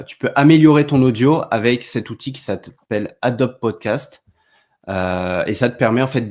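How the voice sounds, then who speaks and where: A man's voice: mid-range voice, darkish tone. A man giving a casual online tutorial, talking straight to the viewer and often hesitating and restarting. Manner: hesitant, many fillers and restarts; speaks directly to the viewer. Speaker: content creation trainer.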